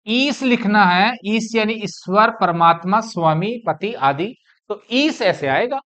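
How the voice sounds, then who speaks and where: Hindi teacher explaining grammar rules. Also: male voice, high-pitched, a bit bright. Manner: explains step by step, asks and answers his own questions. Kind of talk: classroom lecture.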